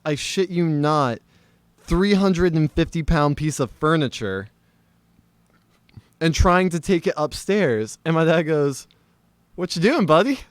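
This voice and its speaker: A man co-hosting a podcast, telling a story in casual chat with animated, laughing delivery. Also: fairly high pitch, dry recording. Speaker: podcast co-host.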